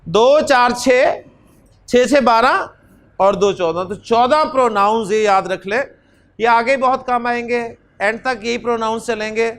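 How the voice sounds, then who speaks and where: High-pitched pakistani urdu-accented teacher guy, super slow, repeats everything like a drill. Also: a bit bright. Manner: slow, repeats words in rhythmic drills and checks in with the class. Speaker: Arabic teacher. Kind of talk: classroom lesson with drilled recitation.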